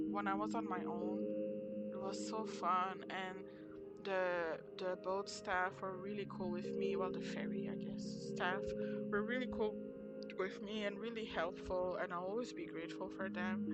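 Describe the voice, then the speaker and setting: A woman streaming live as she draws, ranting, swearing and laughing often. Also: mid-range voice. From Quebec. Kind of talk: casual livestream chat while drawing. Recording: music playing under the voice.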